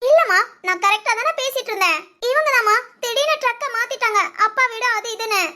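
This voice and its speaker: A woman's voice: extremely high pitch, brisk, sharp tone. A woman voicing a feisty, argumentative young village wife in a cartoon. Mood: playful. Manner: argumentative, giggly, stammering. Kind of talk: cartoon voice acting.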